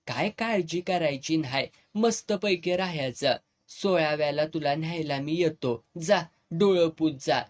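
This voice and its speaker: A storyteller voicing a blunt, fatherly old village headman who talks gruffly in a rural Marathi village dialect. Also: mid-range voice, natural voice. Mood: coaxing. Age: older. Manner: gruff, earthy, commanding.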